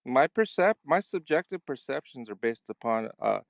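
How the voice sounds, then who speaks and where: A man in his fifties from Los Angeles, defending himself in a live debate with measured, polite, wordy protests. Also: medium pitch, very animated, gravelly, no echo, dull audio. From Los Angeles, United States. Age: 50s. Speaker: debate participant.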